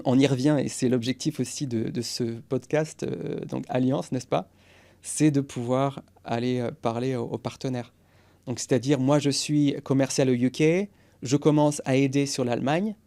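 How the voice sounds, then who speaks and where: A man's voice: medium pitch, dark tone. A man in his forties, a guest on a podcast interview, explaining go-to-market strategy with energy and English business jargon.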